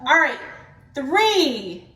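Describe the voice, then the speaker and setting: A woman hosting an educational kids' demonstration, talking in an excited, encouraging way to a young child, with exclamations. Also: high voice, very slow. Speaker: host of a family kids' science show. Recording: echoey room.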